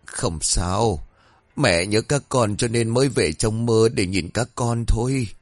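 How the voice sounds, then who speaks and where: A man voicing a greedy fake village medium woman who bosses people briskly and fakes a dead mother's voice. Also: on the low side, no echo, soft background music. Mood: feigned tender. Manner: brisk and bossy, then feigning a dead mother's voice.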